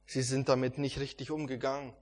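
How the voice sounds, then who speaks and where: A man's voice: mid-range voice, flat delivery, a little fast. A man teaching a Bible sermon, earnest and emphatic, repeating phrases and sometimes restarting a word. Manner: occasional restarts and stumbles. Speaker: preacher.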